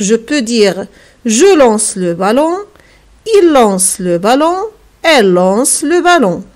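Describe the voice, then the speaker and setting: A woman with a Moroccan accent teaching a French grammar lesson to young pupils, spelling words out slowly and carefully, letter by letter. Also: a little high. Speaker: primary school French teacher. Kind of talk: recorded remote French lesson.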